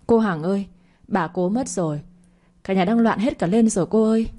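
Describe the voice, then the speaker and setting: A woman's voice: medium pitch, moderate pace, warm tone, natural voice. A woman voicing a young maid from the countryside who speaks in an earnest, worried way, in an audio story. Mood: alarmed. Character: young female maid from the countryside, anxious and superstitious.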